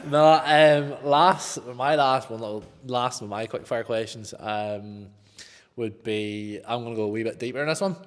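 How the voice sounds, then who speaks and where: A man's voice: mid-range voice, measured pace. A man, co-hosting a podcast with informal, sweary questions that circle around before landing. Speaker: podcast co-host. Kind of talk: casual interview chat. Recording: reverberant, hall-like room echo.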